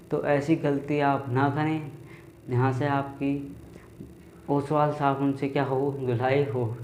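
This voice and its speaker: A man's voice: mid-range voice, a little mellow. Man lecturing in an echoey room. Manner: rhetorical questions, constant "theek hai" checks. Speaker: teacher. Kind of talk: classroom lecture. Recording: echoey room, dull lo-fi sound, faint noise.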